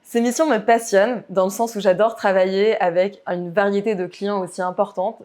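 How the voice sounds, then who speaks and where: A woman's voice: medium pitch, fairly even intonation, moderate pace, darkish tone. Woman, 20s, from the US, in-house lawyer; earnest, explanatory delivery for a company profile. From United States.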